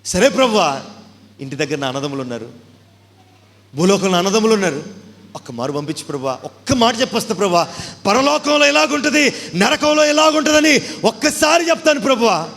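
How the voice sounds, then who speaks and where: A man's voice: sing-song, fairly quick, vocal fry, a bit bright, long reverb tail, exaggerated voice. A male preacher voicing a rich man in hell who begs God in a wailing, strained voice. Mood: desperate pleading. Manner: wailing, pleading, high and strained.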